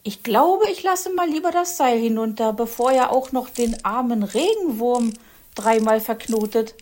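A woman's voice: on the high side, normal speed, voice pushed up, lightly acted. Woman doing an eager young boy creature. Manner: eager, lively, giggly. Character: cheerful young boy animal, eager helper.

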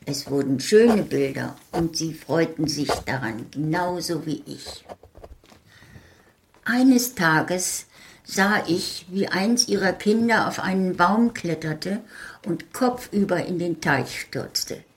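A woman reads her own short story aloud, slow and measured. Her voice is low and her delivery stays calm and unhurried. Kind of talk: story reading.

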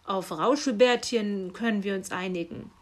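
Casual woman doing a grumpy old saint nicholas, gruff and grumbly, storybook voice. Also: medium pitch, normal speed, natural voice. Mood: grumbling.

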